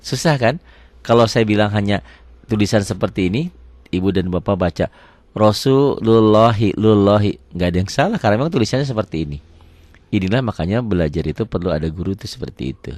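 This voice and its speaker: Deep-voiced man teaching Quran recitation. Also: lively intonation, fast, a little mellow, no room sound. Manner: patient, repeats and demonstrates words aloud; asks the class questions and answers them himself. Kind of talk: tajwid lesson.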